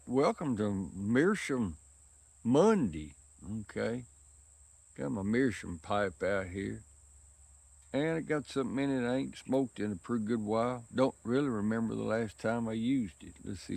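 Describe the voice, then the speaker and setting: Slow gravelly folksy man outdoors. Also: fairly low pitch, a little mellow, no room sound. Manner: folksy rural drawl, slow and rambling. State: worn out and sweaty from work. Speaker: pipe-smoking vlogger. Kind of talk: rambling casual chat. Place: outdoors on a windy day, insects heard.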